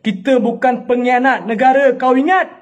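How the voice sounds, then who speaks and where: A man's voice: extremely high pitch, normal speed, dull audio. A Malaysian man delivering an angry, confrontational video rant, scolding and firing rhetorical questions. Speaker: social media commentator.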